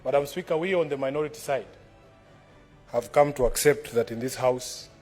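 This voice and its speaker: A man's voice: mid-range voice, normal speed, a little mellow, faint music behind. A man with a Kenyan accent delivering a combative, declamatory speech in a formal parliamentary debate as an opposition senator. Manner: combative, declamatory, repeats formal address to the chair.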